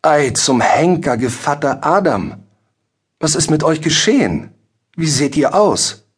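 A man voicing a two-faced court clerk who feigns concern while quietly gloating. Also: medium pitch, lively intonation, normal speed, husky. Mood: mock concern. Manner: mock-concerned, needling.

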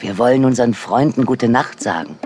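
A man voicing a gentle mother bear in a storybook, speaking soothingly. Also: medium pitch, lively intonation, brisk, over loud music, natural voice. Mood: tender.

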